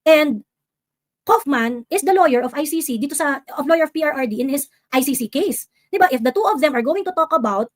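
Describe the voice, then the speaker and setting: Her voice is high, animated and brisk as this Filipino live-stream host goes through viewer comments and talks politics. She mixes Tagalog and English casually, full of fillers, with mounting exasperation in her asides.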